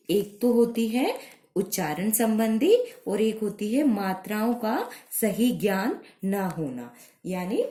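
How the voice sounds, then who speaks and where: A woman's voice: mid-range voice, warm tone. A woman teaching a grammar lesson to young children, patiently explaining and repeating words. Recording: echoey room.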